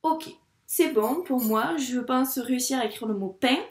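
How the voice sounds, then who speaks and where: Woman teacher for small children, higher voice, patient and encouraging, recorded in a roomy echo. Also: a little slow. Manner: patient, encouraging, spells out each step. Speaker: primary school teacher. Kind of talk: lesson for young children. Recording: echoey room.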